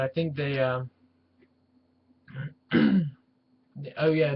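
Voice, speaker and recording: A man's voice: mid-range voice, muffled recording, a little hiss or hum. A man casually recapping and reviewing a wrestling show, rambling with many fillers and restarts.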